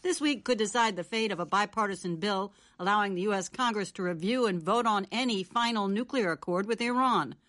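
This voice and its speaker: An American woman reading scripted radio news as an anchor, with a formal, measured news reader delivery. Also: mid-range voice, a bit bright, no room sound.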